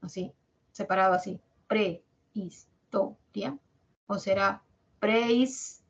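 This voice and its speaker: A woman from Peru with a Peruvian Spanish accent, a language teacher giving a classroom lecture and slowly sounding out example words syllable by syllable. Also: medium pitch, dull audio. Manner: explains patiently, drawing out example words syllable by syllable.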